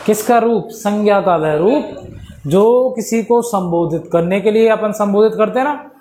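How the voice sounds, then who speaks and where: High-voiced man teaching grammar playfully. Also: moderate pace, warm tone. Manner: playful, acts out examples with laughter. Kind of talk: casual classroom lesson. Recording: echoey room with faint background noise.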